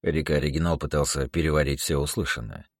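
A man narrating an audiobook chapter in an animated storytelling manner. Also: very deep voice, fast talker, no echo, clean studio sound. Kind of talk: scripted narration.

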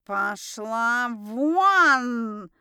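A furious male cat rector hisses his commands, as a woman reader puts him on. The words come slow and drawn out, in a warm, smooth tone. It sounds close and dry. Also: fairly high pitch, animated, no room sound, heavily acted. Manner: hissing, commanding.

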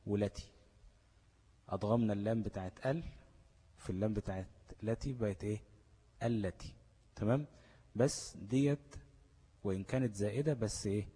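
An Egyptian man with a dark, husky voice leads a tajweed lesson. He breaks each rule into small steps and keeps checking with quick questions. A long hall reverb trails behind him. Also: fairly low pitch. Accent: Egyptian Arabic. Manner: explains step by step and keeps asking check questions. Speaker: Quran recitation teacher.

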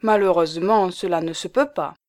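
A woman's voice: lowish voice, normal speed, a little mellow, close to an everyday voice. A woman doing a wry scheming spinster. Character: plain middle-aged spinster cousin, wry and scheming.

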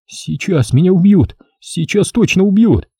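A man voicing a frightened young male conscript in his first battle, shrill with a breaking voice. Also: animated, unhurried, warm tone, slightly rough, dry recording, studio quality, exaggerated voice. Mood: panicked.

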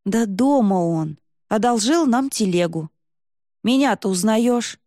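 A woman's voice: a little high, animated, slow pace, warm tone, no room sound, studio quality, pitched above the performer's own voice. A woman doing a cocky, slangy young guy. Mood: slangy mocking. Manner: slangy, mocking.

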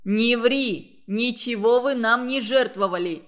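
A woman's voice: a little high, lively intonation, a little slow, fairly bright tone. A woman voicing a hot-tempered young boy who speaks angrily and harshly. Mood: angry. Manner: angry, harsh.

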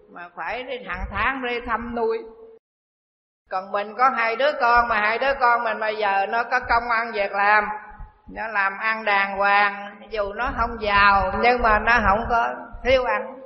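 A male Buddhist monk gives a dharma talk, telling a story slowly and repeating phrases. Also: high voice. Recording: dull echoey hall recording with faint hiss.

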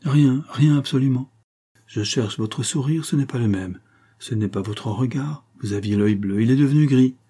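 A man voicing an elderly male steward in an audiobook, slipping from a trembling hush into loud accusation. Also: mid-range voice, normal speed, husky, close to an everyday voice. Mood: suspicious. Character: older male steward, faithful then accusing.

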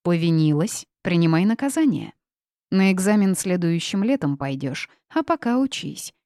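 A woman reading the part of a stern, sharp-tongued old grandmother witch in an audiobook, curt and scolding. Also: on the low side, sing-song, normal speed, dry recording, studio quality.

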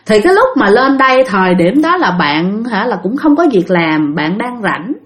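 A woman's voice: mid-range voice, sing-song, normal speed. A woman retelling spooky stories in a chatty way, often addressing the listeners directly. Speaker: storyteller.

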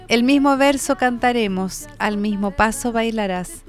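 A woman's voice: on the high side, unhurried, faint music behind. A Chilean woman hosting a radio show, chatting casually and affirming her co-host.

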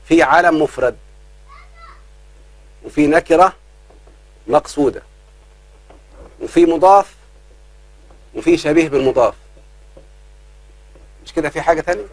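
A man with an Egyptian accent teaching grammar in a live class, checking often whether students follow and drawing out his examples slowly. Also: fairly high pitch, no echo, low-quality recording. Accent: Egyptian Arabic. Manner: keeps quizzing students, slows down to drawl examples.

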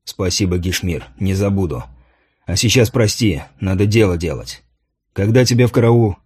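A man's voice: sits low, lively intonation, normal speed, darkish tone, husky, voice pushed down. A man doing a growling drunken old soldier. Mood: resolute. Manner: growling, surly. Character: gruff drunken one-armed male soldier commander.

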